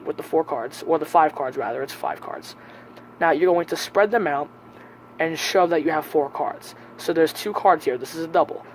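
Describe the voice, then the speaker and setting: Male tutorial presenter, slightly high register, casual instructional delivery with emphatic repetition, light noise on the recording. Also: low-quality recording. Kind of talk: casual step-by-step card trick tutorial.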